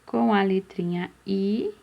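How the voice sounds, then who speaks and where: A Brazilian woman teaching a slow, patient phonics lesson for young children, stretching out syllables and asking questions that she then answers herself. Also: mid-range voice, gravelly. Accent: Brazilian Portuguese. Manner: drawn-out syllables, asks questions and answers them. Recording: dull, muffled lo-fi recording.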